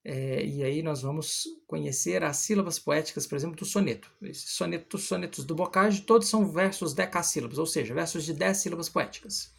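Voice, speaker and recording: Husky-voiced woman teaching poetry. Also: deep voice. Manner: explains step by step, slows to read verses aloud. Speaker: literature teacher. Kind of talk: explanatory poetry lesson.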